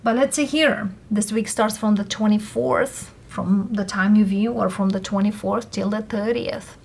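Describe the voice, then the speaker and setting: A woman who is a non-native English speaker gives a casual tarot reading, speaking haltingly in short phrases with pauses. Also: mid-range voice, steady tone, creaky, darkish tone, slightly rough. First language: not English. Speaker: tarot reader host.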